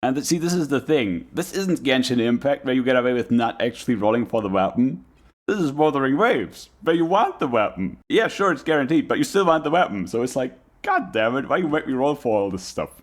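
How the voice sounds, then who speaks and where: A man's voice: mid-range voice, animated, a little fast. A man giving casual, rambling reaction commentary as a streamer, musing aloud and trailing off in asides.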